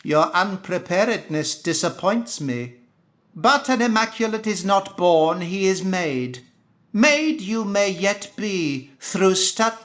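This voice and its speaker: A zealous game cult priest with a notably high voice. He preaches very slowly and solemnly, rolling out grandiose archaic phrases like holy writ. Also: lively intonation, a bit bright, exaggerated voice. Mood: stern. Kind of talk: theatrical video game acting.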